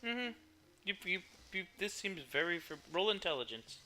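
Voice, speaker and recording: Bright-voiced man running a game. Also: high voice, very animated, normal speed, soft background music. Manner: laughs often while describing scenes. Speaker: game master.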